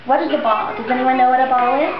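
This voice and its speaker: A woman playing a sweet young fairy-tale princess, telling a story to small children in a bright sing-song, coaxing them with questions. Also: high-pitched, fast talker, close to an everyday voice. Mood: sweet, inviting. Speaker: children's party princess entertainer. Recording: dull roomy camera audio, clear background noise. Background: small children at a party.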